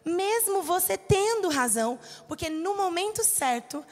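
A Brazilian woman in her thirties preaches with a high, bright voice. She speaks conversationally, telling stories from her own life and voicing the people in them. Her voice carries a long reverb from the church hall. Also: expressive, a little slow. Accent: Brazilian Portuguese. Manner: conversational, storytelling with acted-out quotes. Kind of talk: sermon.

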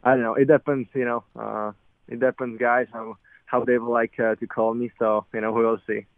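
A young man from the Czech Republic with a Czech accent, a guest on a call-in radio interview, answering in halting English full of fillers. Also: medium pitch, level tone, no echo. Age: young adult. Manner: halting, filler-heavy non-native English. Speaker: guest athlete. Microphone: phone. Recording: dry tinny phone line.

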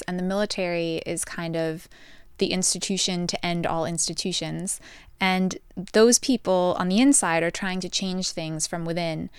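A woman's voice: on the low side, smooth, no room sound. A woman in her thirties from Virginia, hosting an interview and asking reflective, thoughtful questions. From Virginia, United States. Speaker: podcast host, interviewer. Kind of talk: conversational interview.

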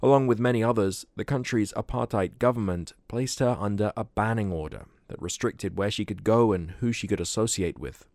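Low-voiced male radio reporter. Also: a little fast, few pauses, a little mellow, dry recording. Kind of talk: scripted news narration.

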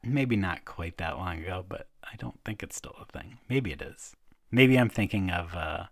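Deep, dry-sounding hesitant man. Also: animated, moderate pace, no room sound. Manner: hesitant, trailing off, laughs often. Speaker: podcast co-host. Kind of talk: casual chat.

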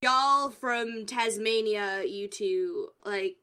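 A woman's voice: medium pitch, extremely slow, pushed and bright, clear, resonant tone. An Australian woman co-hosting a podcast, chatting and giggling, often talking over the others. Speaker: podcast co-host. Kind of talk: casual chat.

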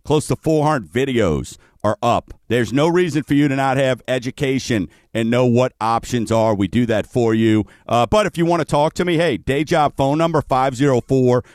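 A man's voice: medium pitch, normal speed, hardly any pauses, a little mellow, dry recording, clean studio sound. A man from New Orleans hosting a radio show, talking to listeners in a folksy, chatty way. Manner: folksy, chatty direct address. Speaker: radio show host, mortgage professional. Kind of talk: radio talk and sponsor reads.

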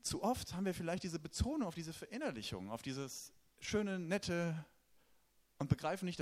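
A male preacher delivers a sermon with an animated, swinging voice that sits a little high for a man. He talks casually to his listeners and puts questions to them as he goes. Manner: lively, conversational preaching with questions to the congregation.

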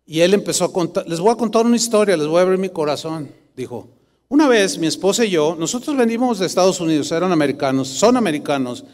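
A middle-aged man preaching a sermon as pastor, animated and rising to emphatic bursts. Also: fairly high pitch. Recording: long church reverb.

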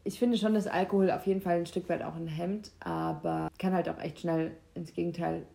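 Eine junge Frau plaudert locker im Podcast und erzählt offen und mit Lachen Anekdoten, wobei sie Zitate vorspielt. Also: female voice, lowish voice, fairly even intonation, brisk, vocal fry, dark tone. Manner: candid, laughing, acts out quotes. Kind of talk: casual chat.

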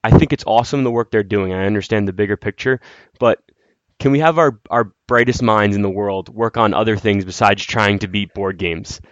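A man's voice: lowish voice, fairly quick, dry recording. A man hosting a podcast in a conversational style, introducing topics and putting questions to his co-host. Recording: dry, dull lo-fi audio.

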